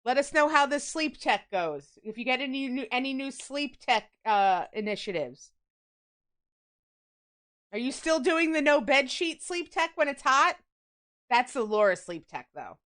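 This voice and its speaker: A woman's voice: high voice, big pitch swings, unhurried, a bit bright. A woman from New York with a Long Island accent, chatting casually with viewers while she bakes on a livestream, greeting people by name and rambling through asides. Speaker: livestreamer baking on stream. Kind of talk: casual chat while baking.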